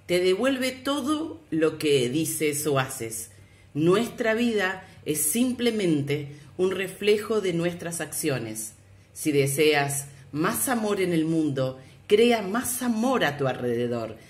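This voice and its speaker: A woman reads a short fable aloud in measured, expressive narration. Her voice sits a little low and moves very slowly. The recording carries a roomy echo. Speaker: storyteller.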